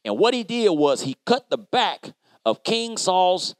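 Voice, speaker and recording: A man playing an upbeat construction worker who tells a Bible story to children in an animated, chatty way. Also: high-pitched, measured pace, no echo. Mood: lively. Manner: animated, chatty, addresses kids directly. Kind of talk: kids' Bible lesson storytelling.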